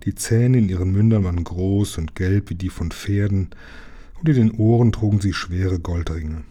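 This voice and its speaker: A man reading a children's book aloud in a calm, even storytelling manner. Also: deep voice, normal speed. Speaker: reader.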